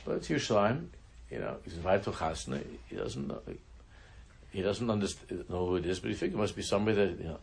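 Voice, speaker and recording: A man teaching a religious class, telling a story in a halting way, often restarting his sentences. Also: low-pitched, sing-song, vocal fry, breathy edge. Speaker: Torah teacher.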